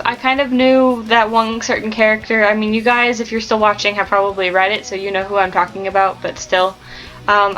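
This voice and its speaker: A woman's voice: medium pitch, fairly bright tone, low-quality recording. A woman talking casually about a book she loves, gushing and ranting with plenty of fillers. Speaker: book vlogger. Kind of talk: casual book review chat.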